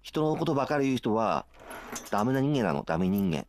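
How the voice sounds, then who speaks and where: A man's voice: mid-range voice, sing-song, fairly quick, darkish tone, slight background noise. A man calling in to a livestream, arguing insistently and repeating himself in regional dialect. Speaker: caller. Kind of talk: heated livestream argument.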